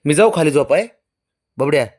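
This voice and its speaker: A man's voice: on the high side, expressive, brisk, a little mellow. A man speaking, chatting casually and teasingly to his pet cat, coaxing it and often raising his voice. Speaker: pet owner.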